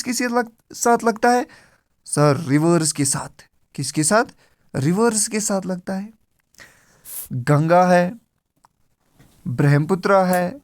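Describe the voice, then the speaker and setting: A male teacher from Kashmir gives a grammar lesson over slides, asking questions and answering them himself while repeating key words step by step. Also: high-pitched. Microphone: screen recording with slides.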